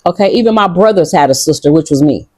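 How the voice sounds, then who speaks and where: A vlogger from Detroit, United States, talks to camera outdoors in Ghana, speaking casually, bluntly and defiantly to her viewers with plenty of profanity. She has a Detroit accent and a low-pitched, darkish voice. She's animated and talks fast, with no room sound.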